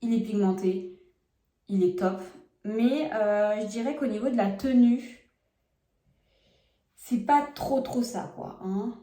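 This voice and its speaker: Slow and full of long pauses, a young woman's fairly high, mellow voice echoes around the room. As a beauty vlogger filming on her phone at home, she applies products for a casual makeup test and talks openly and chattily with viewers.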